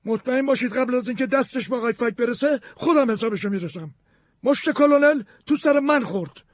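A man voicing an excitable male detective, talking fast and forcefully in a storybook reading. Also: very high-pitched, dry recording, studio quality, pitched above the performer's own voice. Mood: indignant.

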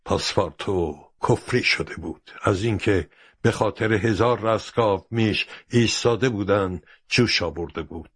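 A man narrating a storybook in a steady, measured way. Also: lowish voice, breathy edge, no echo, clean studio sound.

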